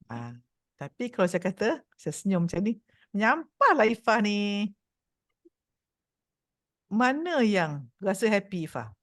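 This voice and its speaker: A woman's voice: medium pitch, no room sound, clean studio sound. A woman with a Malaysian accent giving a playful motivational talk to an audience and teasing the crowd. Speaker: motivational speaker.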